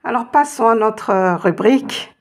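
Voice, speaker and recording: Brief: woman teacher, patient and encouraging, unhurried delivery with a gravelly edge. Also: a little high, animated. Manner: patient, encouraging, spells out sounds slowly. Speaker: Arabic teacher. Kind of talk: reading lesson.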